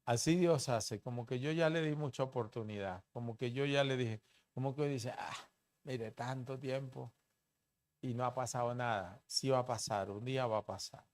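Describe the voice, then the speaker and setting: A man preaching a sermon in church, asking the congregation questions and swinging between loud emphasis and soft asides. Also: medium pitch, normal speed. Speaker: pastor.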